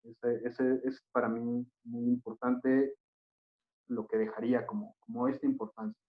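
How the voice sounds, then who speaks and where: A man speaks as a panelist in a measured, reflective way. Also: medium pitch. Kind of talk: casual panel talk. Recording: dull lo-fi audio.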